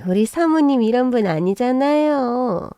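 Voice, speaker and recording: A woman's voice: big pitch swings, measured pace, a little mellow, no echo, studio quality. A woman voicing a brash, scheming middle-aged mother-in-law who turns from indignant to fawning. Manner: shrill and indignant, then fawning.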